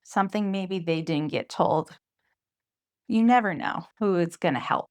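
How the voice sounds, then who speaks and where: A woman's voice: on the low side, a little slow, darkish tone. Enthusiastic woman podcast host. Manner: enthusiastic, affirming. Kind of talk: conversational podcast interview.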